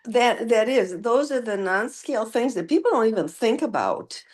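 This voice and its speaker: A woman's voice: on the high side, animated, normal speed, darkish tone. A woman who is a regular on the show, talking enthusiastically and at length over a video call. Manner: enthusiastic, talkative. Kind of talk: casual podcast chat.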